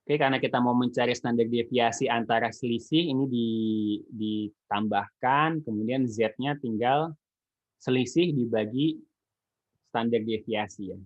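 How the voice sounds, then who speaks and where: A man's voice: mid-range voice, measured pace. A man with a Jakarta Indonesian accent and a slightly imprecise R, lecturing informally and often checking that listeners follow. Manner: colloquial, checks understanding with frequent tags. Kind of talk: informal online statistics lecture. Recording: echoey, muffled phone-like call sound.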